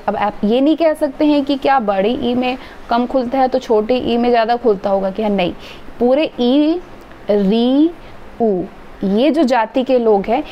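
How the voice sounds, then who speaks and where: A woman teaching an exam-prep grammar lesson, explaining step by step and drawing out sample sounds. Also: a little high. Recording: dull lo-fi recording with faint noise.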